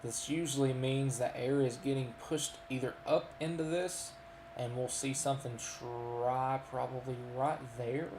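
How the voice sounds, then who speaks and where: A man's voice: mid-range voice, steady tone, moderate pace, roomy sound, background noise. A man with a Kentucky accent giving live storm radar commentary, folksy and full of ums and uhs as he lists towns. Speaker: storm chaser and weather streamer.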